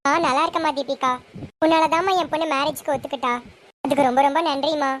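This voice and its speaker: A woman's voice: high voice, steady tone, fast talker, slight background noise, lightly acted. An actress playing an affectionate, grateful middle-aged mother in a TV serial. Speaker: mother of the bride. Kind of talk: TV serial acting.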